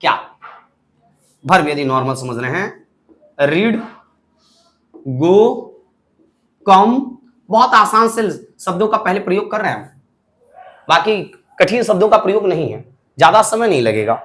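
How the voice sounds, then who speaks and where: Man, English teacher, lively up-and-down voice, checking questions, classroom lecture. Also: high voice, measured pace, long pauses. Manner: lively explaining, asks frequent checking questions.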